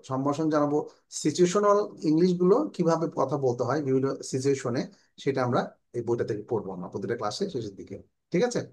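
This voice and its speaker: Bangladeshi man teaching English, fairly high voice, speaks phrases slowly and carefully for students to repeat. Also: darkish tone. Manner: explains in Bengali, slowly models English phrases. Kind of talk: online English class.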